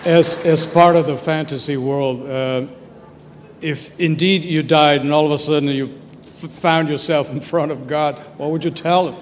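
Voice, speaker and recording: Higher-voiced male moderator in a hall. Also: steady tone. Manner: relays audience questions, halting. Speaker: journalist moderator. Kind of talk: live stage interview questions. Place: large festival venue. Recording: long hall reverb, faint crowd and noise.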